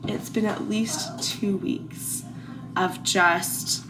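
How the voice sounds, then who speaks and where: A woman in her thirties, slightly congested from a cold, chats in a cook-with-me vlog while making food for her family in her home kitchen. Her medium-pitched voice is steady and extremely slow, rambling with many "like"s and restarts. The camera sits in a kitchen cupboard, picking up clear background room noise.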